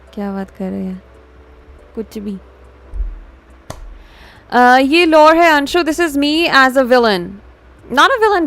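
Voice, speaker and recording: With a fairly high, slightly bright voice and an Indian accent, a woman runs a relaxed VTuber livestream. She reacts and talks informally with viewers, weaving Hindi into her English along the way.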